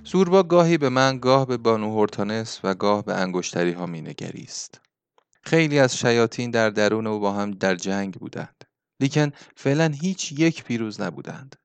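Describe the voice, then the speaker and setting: A man narrating a novel as an audiobook in a measured, even reading voice, close to the mic. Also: fairly low pitch, clear, resonant tone, no echo.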